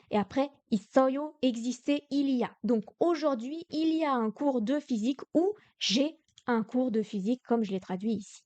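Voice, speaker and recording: A woman's voice: a little high, dark tone, dry recording. A young French woman teaching Korean grammar on a live stream, explaining patiently with many hesitations and restarts, sounding tired. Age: young adult.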